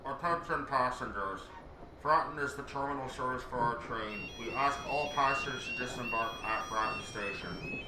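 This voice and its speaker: A man making a formal, slowly paced announcement over a train's public-address speaker. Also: mid-range voice, roomy sound, noisy background.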